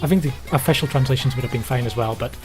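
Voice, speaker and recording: A man's voice: mid-range voice, very fast, a little mellow, faint music behind. A young man co-hosting a podcast, explaining things in casual chat with a hesitant delivery full of ums, from a small home studio. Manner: hesitant, lots of ums and likes. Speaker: podcast co-host.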